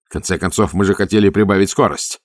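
Guy doing a stubborn watch boss barking short orders, deep dry voice. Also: fast, no echo, close to an everyday voice. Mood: commanding. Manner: curt commanding. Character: stern stubborn city watch commander.

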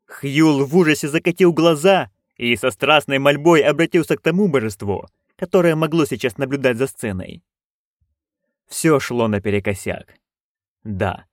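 A man narrating an audiobook in a lively, expressive storytelling manner. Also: medium pitch, no room sound, clean studio sound.

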